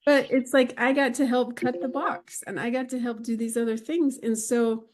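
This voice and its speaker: Chatty middle-aged mom host. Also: female voice, on the high side, fairly even intonation, normal speed. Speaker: podcast host. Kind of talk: casual conversation.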